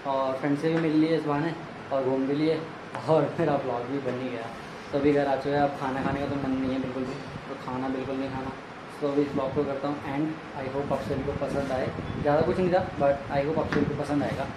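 A man's voice: mid-range voice, level tone, fairly quick. A young man from India, chatting casually to camera in a travel vlog. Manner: chatty, talks straight to camera with hand gestures. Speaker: vlogger. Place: busy roadside outdoors in summer heat; small room at home. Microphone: phone camera at arm's length. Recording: echoey with loud street noise. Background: street traffic.

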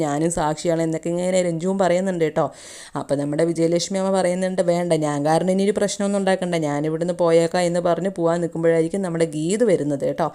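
A woman's voice: lowish voice, smooth. A woman, hosting a review and retelling a TV serial episode, quoting dialogue as she goes. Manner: steady retelling with frequent quoted dialogue and tag phrases. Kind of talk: fast scripted-style recap narration.

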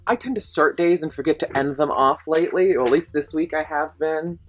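A woman's voice: low voice, a little fast, soft background music. A woman vlogging casually to a handheld camera, chatty and rambling, often poking fun at herself. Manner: chatty, rambling, self-deprecating. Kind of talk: casual diary vlog to camera.

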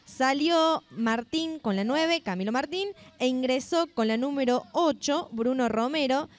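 A woman's voice: sits high, animated, unhurried. A woman reporting lineup changes on a live football broadcast, matter-of-fact and informative. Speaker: sideline reporter.

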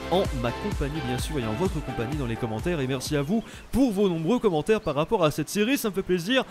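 Young man, French, let's play commentary, animated, rather high voice, lively intonation. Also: fast, over music. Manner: animated, exclaiming at game events. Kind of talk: casual gameplay commentary.

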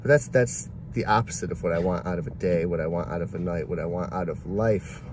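A man's voice: sits low, a little fast, noisy background. Man in his forties vlogging from car. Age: 40s. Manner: candid, self-reflective, rambling. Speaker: delivery driver vlogger. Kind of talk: casual reflective vlog talk. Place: inside a parked car. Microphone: phone camera at arm's length.

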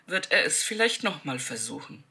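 A woman's voice: deep voice, very animated, normal speed, sharp tone, husky, heavily acted. A woman voicing a brave, caring seventeen-year-old girl who speaks urgently and with indignation. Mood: earnest.

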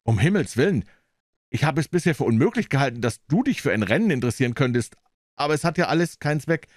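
A man playing an earnest young gentleman who asks anxious questions. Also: medium pitch, lively intonation, quick pace, dry recording, clean studio sound, voice pushed up, lightly acted.

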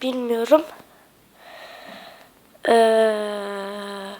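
This woman, a Minecraft tutorial YouTuber, speaks very slowly in a steady, mid-range voice with a darkish tone, captured on a low-quality recording. She sounds slightly sick and coughs occasionally while narrating a casual game tutorial in a chatty, hesitant way, often addressing her viewers as friends.

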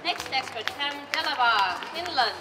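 High-voiced Russian-accented woman, echoey hall. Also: animated, a little slow, far from the mic, background noise. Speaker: ceremony co-host and interpreter. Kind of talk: formal stage announcing in English. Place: large exhibition hall stage. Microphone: handheld microphone through PA. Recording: echoey hall PA, music and crowd. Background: music and crowd.

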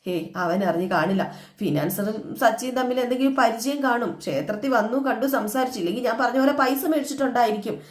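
A woman voicing a middle-aged friend who brushes off worries with calm reassurance. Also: on the high side, lightly acted. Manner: soothing, dismissive. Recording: echoey room.

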